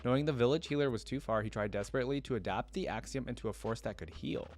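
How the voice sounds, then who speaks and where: Hosting a reaction video, a man comments casually, reads aloud and thinks out loud while explaining things. He talks fast in a mid-range voice.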